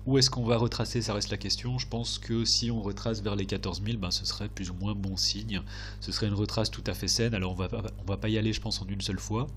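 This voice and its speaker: A man with a fairly deep voice talks through charts in an informal, hesitant way. His nose is blocked and his throat sore, so he sounds stuffy and nasal. Some background noise and hum sits behind him. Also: little pitch movement, fast, fairly bright tone. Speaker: host of a crypto chart analysis video. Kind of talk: casual technical commentary over charts.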